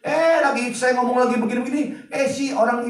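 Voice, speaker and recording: Pastor preaching in an echoey hall. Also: male voice, very high voice, fairly quick, recorded from a distance. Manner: chatty, swings from loud to hushed asides. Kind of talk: sermon. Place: large church hall.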